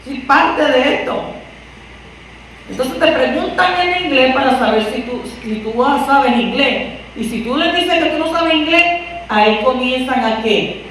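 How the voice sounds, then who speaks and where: A Puerto Rican woman with a Puerto Rican accent preaches a conversational sermon, posing rhetorical questions to her listeners. Her voice is high and fairly bright, delivered at a measured pace. She's recorded from far off in an echoey room with faint noise.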